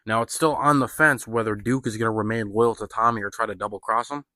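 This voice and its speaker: A man's voice: fairly low pitch, steady tone, fast talker, bright, forceful tone, no echo, studio quality. A man giving a casual spoken film review, loose and profane, full of fillers and slang. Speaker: movie reviewer.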